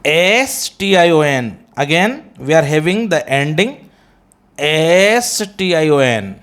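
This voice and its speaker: A man teaching English pronunciation, mixing Hindi and English and slowly repeating words and spellings in an Indian English accent. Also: fairly high pitch, expressive, a bit bright, smooth. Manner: slow, drawn-out repetition of words and spellings. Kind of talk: pronunciation lesson.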